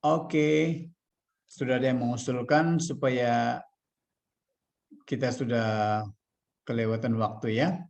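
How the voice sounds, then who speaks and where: Priest from malaysia doing a devotional talk, mid-pitched voice, slow steady reading, muffled online call sound. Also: male voice, gravelly.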